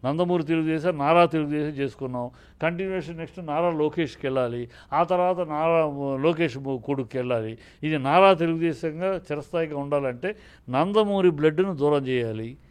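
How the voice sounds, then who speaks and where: A man's voice: fairly high pitch, a little fast, clear, resonant tone. A man, a film producer, talking combatively in a heated interview, indignant and often breaking off mid-word to restart. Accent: Telugu.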